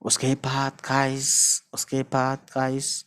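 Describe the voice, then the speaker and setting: A man teaching a casual online language lesson, drawing out words slowly and often checking in with his listeners. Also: medium pitch, monotone, a bit bright, clean tone. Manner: repeats words slowly, drawn out for pronunciation; chatty, checks in with "right?" and "guys". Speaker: Urdu teacher.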